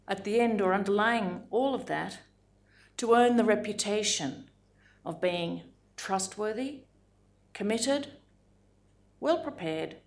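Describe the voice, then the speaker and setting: A woman, a judge giving a formal lecture in a measured, deliberate way with frequent pauses. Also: mid-range voice. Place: lecture room.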